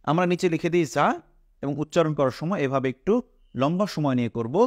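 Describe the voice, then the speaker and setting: A man with a Bangladeshi Bengali accent, teaching Quran letter pronunciation step by step, asking questions and answering them himself and drawing out each sound slowly. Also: fairly high pitch, no room sound, clean studio sound. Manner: slow, patient, repeats each letter sound drawn out.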